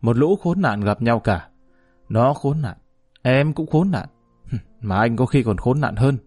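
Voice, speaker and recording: A man voicing a blunt, cynical male lover who talks calmly and plainly in a spoken story. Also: medium pitch, a little slow, no room sound, soft background music.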